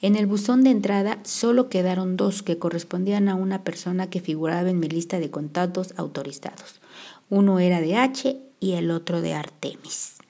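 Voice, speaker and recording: A woman narrating a novel in the first person as an audiobook. Her voice is warm and mellow, and she keeps the storytelling even and measured. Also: lowish voice.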